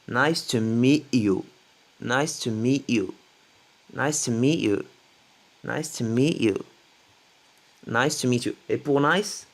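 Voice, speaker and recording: A man teaching English greetings to French speakers, slowly repeating each phrase several times. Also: mid-range voice. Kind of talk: French-language English lesson.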